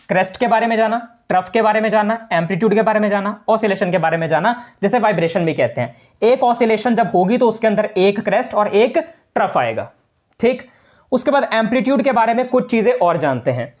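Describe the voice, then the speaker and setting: A man's voice: high-pitched, expressive, fairly quick. A male teacher giving a casual physics lesson to students, talking informally and repeating the key points.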